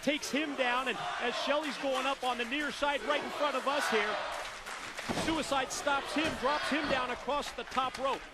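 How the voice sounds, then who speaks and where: A man calling live wrestling play-by-play in an excited, emphatic commentary style. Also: very high voice, normal speed, heavy background noise. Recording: loud crowd and music behind. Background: arena crowd and music.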